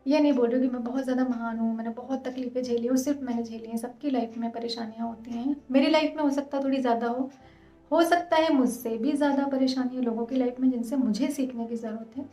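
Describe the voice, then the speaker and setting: A woman in her thirties talking fast and earnestly to her viewers in a casual vlog. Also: a little high, fairly even intonation, mellow, reverberant, soft background music. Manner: fast, earnest, direct address. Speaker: vlogger.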